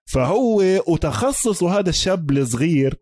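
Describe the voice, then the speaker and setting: A man's voice: fairly high pitch, big pitch swings, normal speed, a little mellow, no room sound, studio quality. A man with a Palestinian Arabic accent chatting casually about sports as a podcast host, emphatic and repeating himself, mixing in English terms.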